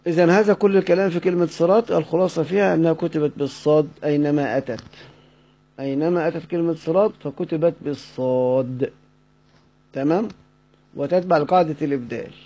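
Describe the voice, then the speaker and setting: A man with a mellow, somewhat high voice and fairly even intonation speaks fast in an Egyptian Arabic accent. He's a teacher giving a recorded lecture explaining a text, asking questions, answering them himself and repeating what matters most. The audio is dull and lo-fi.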